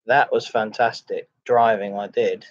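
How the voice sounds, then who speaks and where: A man hosting a casual livestream chat, greeting viewers in a halting, repetitive way. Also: lowish voice, fairly even intonation. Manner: halting, repeats phrases. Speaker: live streamer, host of a chat and ASMR stream. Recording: dull lo-fi microphone sound.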